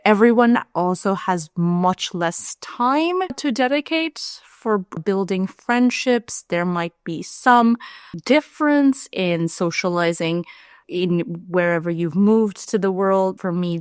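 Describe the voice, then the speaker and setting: A woman's voice: smooth, no echo. Chatty young woman from India, dry sound. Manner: chatty and candid, lively rises in pitch. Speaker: vlogger. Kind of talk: casual talk to camera.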